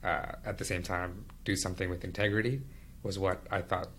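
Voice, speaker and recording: Raised in India and Venezuela before moving to Canada at thirteen, a business executive reflects on his life as a podcast guest, speaking in a measured, explanatory way through conversational, personal storytelling. His voice is low-pitched, a bit bright, with little pitch movement, and there's slight hiss or hum.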